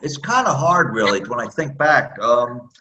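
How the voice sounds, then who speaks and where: A man's voice: mid-range voice, sing-song, normal speed, pushed and bright, slight background noise, poor audio. A man in his sixties with an American accent, a former speedway rider telling candid, self-deprecating stories in a casual interview.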